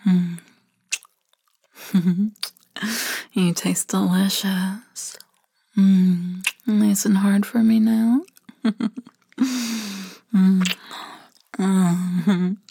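A woman in an intimate ASMR roleplay, speaking in a soft murmuring whisper with hums and sighs. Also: mid-range voice, level tone, very slow, gravelly, pauses often, husky, dry recording, studio quality. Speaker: roleplay narrator.

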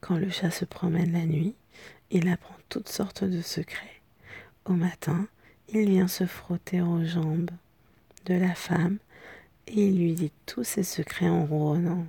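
A woman with a hoarse, cracking voice telling bedtime stories in a soft, unhurried ASMR whisper. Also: lowish voice, fairly even intonation, no echo. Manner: soft, unhurried, gentle pauses. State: voice broken. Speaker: storyteller.

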